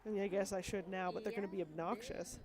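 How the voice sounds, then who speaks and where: Over crowd noise, a woman with a medium-pitched voice talks quickly as she plays a game for her video channel. She has a cold that leaves her congested and wheezy, and her rambling commentary is chatty, full of self-mockery and apologetic asides.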